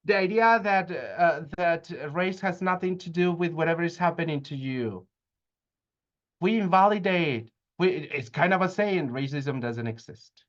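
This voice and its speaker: Earnest lecturing man, lo-fi sound. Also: on the high side. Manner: earnest, lecturing with frequent hesitations. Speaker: psychologist discussing counseling practice. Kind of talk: academic discussion. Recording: dull lo-fi audio.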